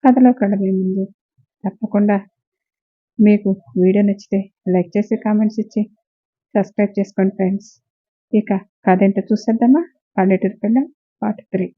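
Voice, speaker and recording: A woman hosting a story channel and narrating a story in a steady, flat tone. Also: medium pitch, brisk, long pauses. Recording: tinny phone-like sound.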